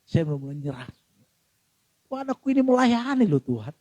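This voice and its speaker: A middle-aged male pastor preaching a sermon, telling a personal story with emotion and often addressing the congregation, swinging from loud to hushed. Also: high voice, big pitch swings, a little fast, no room sound, lo-fi sound.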